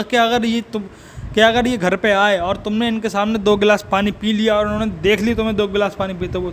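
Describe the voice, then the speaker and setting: A man's voice: sits high, a little hiss or hum. A man delivering a profane, mocking comedic rant. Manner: abusive, mocking rant with frequent swearing. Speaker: comedic roaster.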